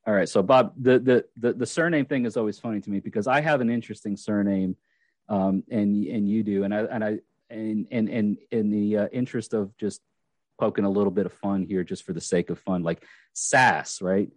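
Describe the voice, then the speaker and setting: A man's voice: on the low side, brisk, a little mellow, dry recording. A man hosting a casual podcast, rambling with many fillers and restarts. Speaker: podcast host.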